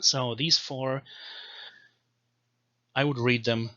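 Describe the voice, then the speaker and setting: This language teacher's voice is medium in pitch, pushed and bright, with fairly even intonation, captured on dull-sounding audio. In his video lecture on an ancient script, he slowly spells out the syllables one by one.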